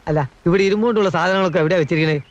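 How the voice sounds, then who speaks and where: A meddling middle-aged gossip, played by a man, spreads alarm and lectures in a fussy, high voice. The film dialogue is dry and close. He fusses like a worried servant of the house. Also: racing, no room sound, lo-fi sound, lightly acted. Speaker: servant-like relative in a comedy film.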